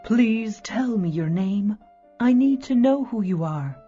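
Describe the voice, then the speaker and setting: A woman voicing an earnest, lovestruck young prince in a children's storybook reading, lowering her voice for him, on a slightly dull recording. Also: expressive, takes it slowly, dark tone, soft background music. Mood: pleading.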